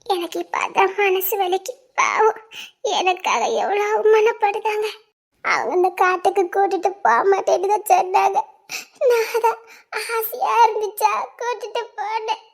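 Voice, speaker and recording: Woman doing a soft-spoken young village sister, really high voice, calming. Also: normal speed. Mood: consoling. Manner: gentle, soothing, consoling. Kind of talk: web series drama acting.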